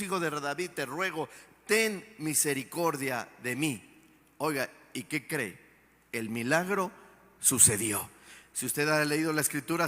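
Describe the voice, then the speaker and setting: Male pastor preaching with emphasis, bright voice, long church reverb. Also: on the high side. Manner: emphatic, asks the congregation rhetorical questions. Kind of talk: sermon.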